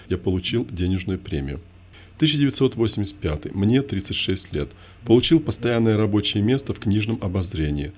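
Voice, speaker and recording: A man with a fairly low voice narrates his own memoir in the first person, keeping a measured, even pace. In a steady, plain tone, he lists events one by one, using terse, repeated refrains.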